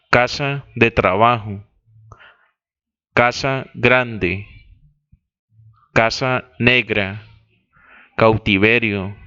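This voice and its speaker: Slow, deliberate man dictating. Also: fairly low pitch, sharp tone, clear, resonant tone. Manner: deliberate, spells out words and corrects himself. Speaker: reader dictating text. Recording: dull lo-fi recording.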